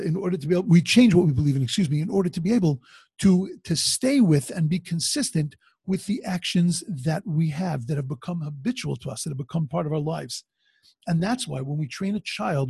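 Husky, creaky-voiced man giving religious lecture. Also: fairly high pitch, warm tone, no room sound. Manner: conversational teacher, asks and answers rhetorical questions; halting, repeats phrases as he rephrases. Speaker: rabbi giving a religious talk.

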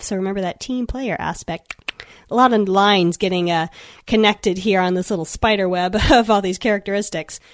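A woman's voice: medium pitch, no echo, studio quality. A young woman veterinarian giving upbeat, chatty advice to students on a podcast, laughing now and then. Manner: upbeat, chatty, laughs often, acts out quotes. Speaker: veterinarian guest speaking to students. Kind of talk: podcast talk, advice monologue. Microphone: computer microphone.

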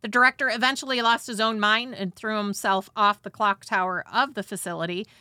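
A woman's voice: medium pitch, fairly even intonation, a little fast, pushed and bright, dry recording, clean studio sound. A woman hosting and narrating from a script with casual, conversational asides and a dramatizing touch. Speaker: host.

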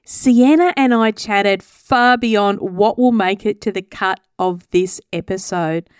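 Smooth-voiced woman hosting a podcast. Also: medium pitch, a little mellow, dry recording, clean studio sound. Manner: smiling as she speaks. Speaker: podcast host. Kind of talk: podcast host introduction.

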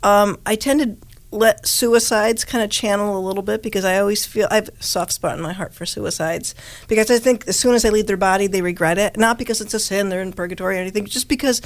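Middle-aged female co-host, calm and matter-of-fact storyteller. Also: medium pitch, fast. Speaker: podcast co-host, medium. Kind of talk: casual paranormal chat.

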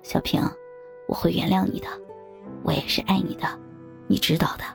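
Woman doing a low-voiced young husband. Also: huge pitch swings, normal speed, creaky, full character voice. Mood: tender. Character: young husband, gentle but jealous. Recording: faint background music.

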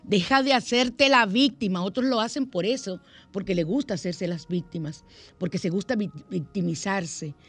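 Una mujer de mediana edad con acento caribeño da consejos en un programa de radio, contando historias con viveza y jugando con las voces. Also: female voice, medium pitch, normal speed, slightly rough, soft background music. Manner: lively, animated storytelling with playful voices. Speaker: radio host and counselor. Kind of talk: radio talk and advice. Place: radio studio.

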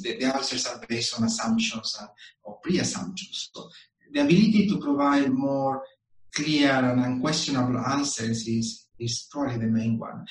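A man from Chile, answering interview questions in a measured way and pausing often with ums and uhs. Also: mid-range voice, distant mic. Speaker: guest. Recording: echoey room, voice a bit off-mic.

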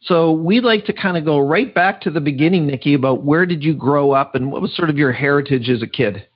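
A man's voice: fairly high pitch, fairly quick, husky, highs cut off. A man hosting a podcast interview, asking questions and affirming his guest in an encouraging way. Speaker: podcast host.

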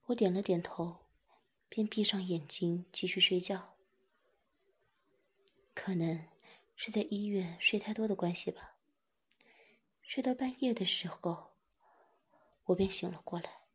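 A woman narrating a story in a soft, hushed whisper. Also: lowish voice, a little slow, pauses often, husky.

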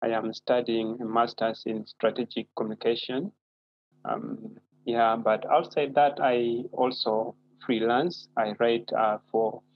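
Recorded lo-fi with no echo, this medium-pitched voice belongs to a man in his thirties, a guest author with a Ugandan accent whose native language is Acholi. He answers interview questions politely and thoughtfully.

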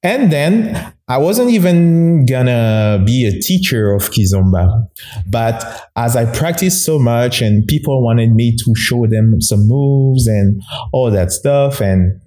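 A man's voice: medium pitch, lively intonation, slow, dark tone. A man with a Togolese accent, a guest telling his story in a casual interview, often repeating words for emphasis. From Togo. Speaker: podcast guest, DJ and dance teacher.

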